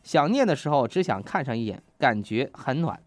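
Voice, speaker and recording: A man's voice: medium pitch, sing-song, fairly quick, no room sound. A man hosts a comic radio show, reading jokes and laughing at his own punchlines. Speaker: radio host.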